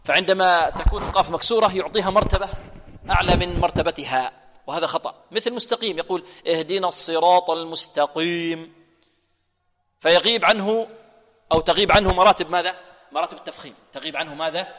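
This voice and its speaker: A man with a high-pitched voice gives a recitation lesson. He poses questions to his listeners and answers them himself, then drills syllables slowly over and over. His voice rings out with a long reverb, as in a large hall. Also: bright, forceful tone. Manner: drills syllables slowly and repeats each one. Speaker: Quran recitation teacher. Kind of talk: tajweed lesson with recited examples.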